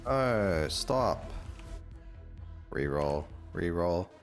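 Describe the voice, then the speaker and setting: A man offers relaxed commentary on his gameplay, reasoning aloud for viewers over video game music. His voice sits low with lively intonation, and he talks very slowly.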